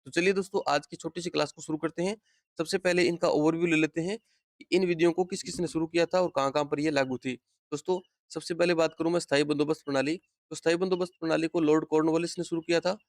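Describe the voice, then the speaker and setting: A man with a fairly high voice teaches an exam-prep history lesson, drilling his points by asking a question and answering it himself. He often calls his viewers friends and repeats each point. The recording is close and dry. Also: steady tone, quick pace, no room sound.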